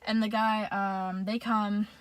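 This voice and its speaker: A woman's voice: medium pitch, flat delivery, slow, noisy background. A young woman vlogger telling a story in casual chat, chatty and full of fillers, swearing freely and talking straight to her viewers.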